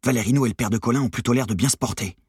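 A man reading an audiobook, voicing a bold, sharp-tongued teenage girl with mocking quick retorts. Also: medium pitch, slightly rough, dry recording, studio quality. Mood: cheeky.

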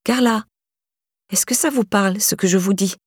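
A woman's voice: medium pitch, normal speed, husky, no echo, clean studio sound, close to an everyday voice. A woman voicing an older neighbour with a firm, insistent, accusing manner. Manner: insistent, pressing.

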